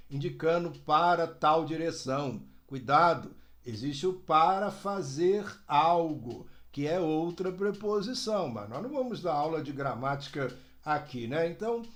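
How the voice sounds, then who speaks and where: A man teaching an English lesson to learners, lively and direct, slowing down to model phrases. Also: a little high. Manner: addresses learners directly, frequent "né?" and "ó". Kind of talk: video language lesson.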